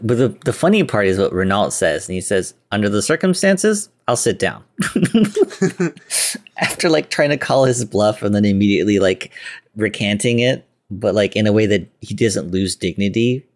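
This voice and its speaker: A podcast co-host chatting casually, with a voice that moves around a lot in pitch. They chime in quickly with short corrections and agreement. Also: lively intonation. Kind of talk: casual chat.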